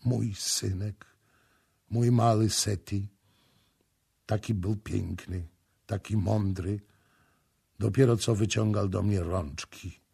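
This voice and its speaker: A man's voice: lowish voice, slow pace, a little mellow, breathy edge, no echo, clean studio sound. A man reading a storybook, voicing a grieving, frenzied young mother in an anguished, wailing way.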